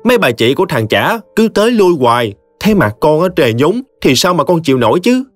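A man voicing a sulky, sharp-tongued young bride with a Southern Vietnamese accent, talking in a whiny, defiant way. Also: on the high side, very animated, fairly quick, dry recording, soft background music, pitched above the performer's own voice. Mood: whining.

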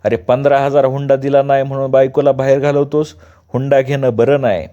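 Male storyteller as a gruff, commanding bandit chief; mellow timbre, muffled recording. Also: mid-range voice, little pitch movement, brisk, natural voice. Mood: stern. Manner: barking gruff threats.

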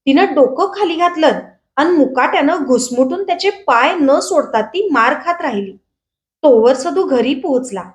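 A woman reads a novel aloud, narrating in a steady storytelling voice. Her voice is high, and the room adds a noticeable echo. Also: moderate pace. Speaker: book reader.

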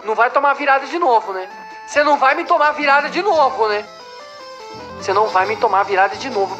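A Brazilian-accented woman giving loud, excitable gameplay commentary, shouting and cursing at the game. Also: high voice. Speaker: gamer. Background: game music.

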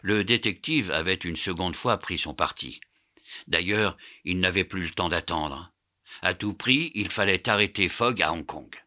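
A man narrating a classic novel as an audiobook, in a measured storytelling way. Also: low-pitched, sharp tone. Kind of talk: scripted narration.

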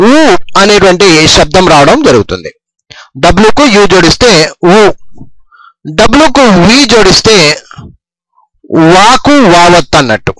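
Lively high-voiced male English teacher. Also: no echo, rough recording. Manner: slow, repetitive dictation, stressing each sound. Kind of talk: phonics lesson explained in Telugu.

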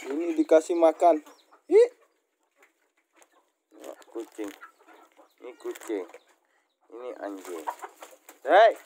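A man filming a casual vlog, calling his chickens, cats and dogs and scolding them loudly. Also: big pitch swings, slow, long pauses, a little hiss or hum. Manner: loud high calls of "kur" to chickens; scolds animals sharply. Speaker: vlogger.

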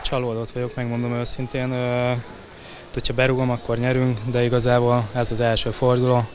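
A male footballer in his thirties speaks in a very monotone, mid-pitched voice. It is a pitchside interview on a handheld mic, with faint outdoor noise. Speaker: football player. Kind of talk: post-match interview. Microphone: handheld interview microphone.

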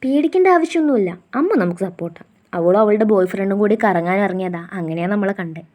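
A woman reading the lines of a caring young man who scolds his girlfriend gently and then reassures her. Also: medium pitch, animated, fast, close to an everyday voice. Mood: reassuring.

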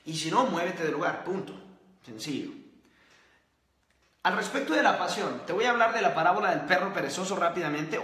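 A man's voice: on the high side, sharp tone. A young man hosting a live stream, giving emphatic motivational talk and asking rhetorical questions. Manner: emphatic, preachy, repeats points and asks rhetorical questions. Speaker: host. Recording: roomy echo.

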